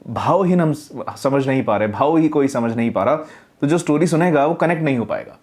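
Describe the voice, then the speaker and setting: Man coaching voiceover step by step. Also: medium pitch. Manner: explains step by step, demonstrates readings. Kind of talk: reviewing and coaching.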